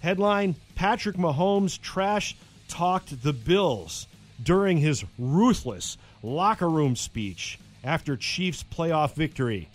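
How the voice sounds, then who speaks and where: Wry man reading sports news, higher-pitched voice. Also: expressive, slow pace, soft background music. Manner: conversational, wry, sarcastic asides. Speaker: sports segment host. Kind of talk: casual radio-style sports news with banter.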